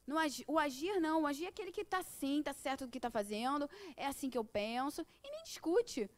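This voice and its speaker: A middle-aged woman with a Brazilian accent leads an informal spiritual class. Her voice sits high, and she talks in a conversational way, putting rhetorical questions to her listeners. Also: fast talker. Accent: Brazilian Portuguese. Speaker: course teacher.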